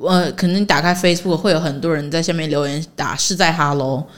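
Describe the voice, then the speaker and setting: A woman's voice: deep voice, steady tone, fast, over a noisy crowd. A woman with a Taiwanese Mandarin accent, chatting casually as a podcast host in a colloquial, playfully exasperated way. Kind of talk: casual chat.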